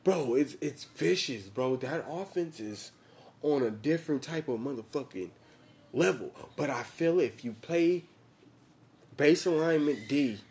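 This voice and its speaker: A young American man with a soft-edged, mellow tone chats casually like a frat bro. His talk is heavy with slang and swearing, and he hammers his points home by repeating them. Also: on the high side, lively intonation, unhurried. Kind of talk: casual chat about football tactics.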